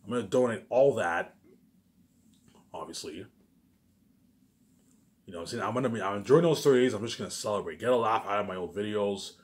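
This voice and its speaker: In a fast, informal address to his viewers, a vlogger with a slightly low voice rambles on camera. He's emphatic and meandering, repeatedly circling back to phrases and starting them over, and he swears often.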